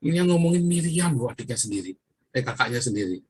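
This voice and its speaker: A man's voice: medium pitch, very animated, quick pace, a little mellow, slightly rough, dry recording. A man preaching a casual, conversational sermon, chatting with his listeners and laughing often between remarks.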